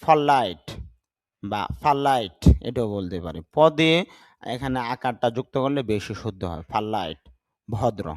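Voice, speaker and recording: A man with a mid-range, animated voice, recorded dry, teaches English vocabulary to learners. He works slowly and deliberately, saying each word, repeating it, spelling it out and explaining its correct pronunciation in a lesson built on pronunciation drills.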